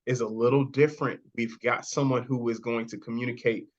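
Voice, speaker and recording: An enthusiastic man hosts a podcast interview in a relaxed, chatty way. He greets his guests and cheers them on. The recording sounds a little dull and lo-fi. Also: medium pitch, brisk. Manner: upbeat, enthusiastic, frequent praise. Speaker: podcast host. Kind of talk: casual interview chat.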